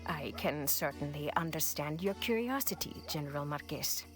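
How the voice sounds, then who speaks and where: An actress playing a dignified chief with formal, measured speech in a video game. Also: female voice, deep voice, lively intonation, over music. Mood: composed.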